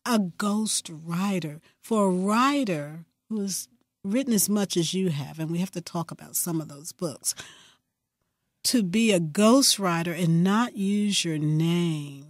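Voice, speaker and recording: A woman hosting a public radio interview in a conversational way, with deliberate phrasing and words repeated for emphasis as she muses aloud. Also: fairly low pitch, dry recording, studio quality.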